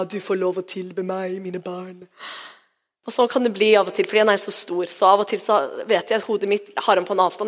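A woman pastor giving a sermon in a church service, retelling scripture in a personal, conversational way. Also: fairly high pitch. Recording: long hall reverb.

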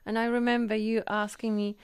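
A woman's voice: a little high, level tone, fairly quick, clean tone. Hesitant woman chatting on a podcast. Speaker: podcast co-host. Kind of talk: casual chat.

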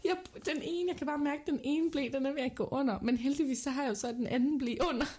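A woman's voice: high-pitched, warm tone. A woman, telling stories as a podcast co-host in a candid, self-mocking, colloquial way. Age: 30s. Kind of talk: casual confessional chat and storytelling.

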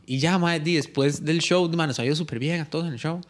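A man's voice: a little high, fast. A man with a Costa Rican accent, a comedian telling a story in casual chat with friends and acting out the voices in it. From Costa Rica. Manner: storytelling, acts out quoted voices, laughs often. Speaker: comedian, podcast co-host.

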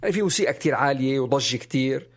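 Chatty, animated, husky young man. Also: racing. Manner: animated, chatty, jumps up in pitch when stressing points. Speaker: podcast co-host. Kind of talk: casual conversational podcast.

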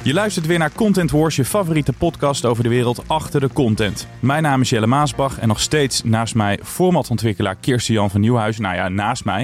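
A man hosting a podcast in casual chat, easygoing and teasing. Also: mid-range voice. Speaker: podcast host.

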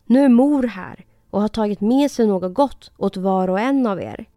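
A woman's voice: medium pitch, dark tone, dry recording, studio quality, faint music behind, lightly acted. A woman doing a sly big bad wolf. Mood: coaxing. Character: cunning big male wolf faking a mother.

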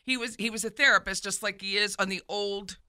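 Emotional, very bright-voiced woman radio host. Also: mid-range voice, a little fast, no echo. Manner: emotional, animated storyteller. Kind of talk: casual radio chat. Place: radio studio at a desk. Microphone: studio microphone.

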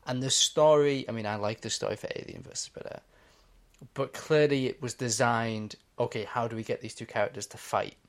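A man's voice: mid-range voice, steady tone, fairly quick. A man co-hosting a podcast in casual chat, explaining his views at length with many "you know"s. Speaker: podcast co-host.

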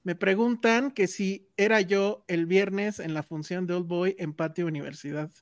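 Woman, podcast co-host, lively banter, dry close recording. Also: fairly low pitch, moderate pace, no room sound. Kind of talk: casual film podcast chat.

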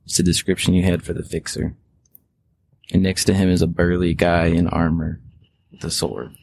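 A man running a tabletop game as game master, describing the action in a relaxed way with frequent restarts. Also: low-pitched, moderate pace, vocal fry.

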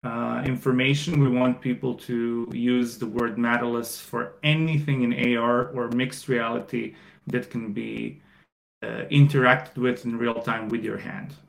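A man from Croatia in his thirties, a podcast guest talking casually about his startup, with many fillers and pauses. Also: mid-range voice, flat delivery, vocal fry, poor audio. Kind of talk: casual interview answers.

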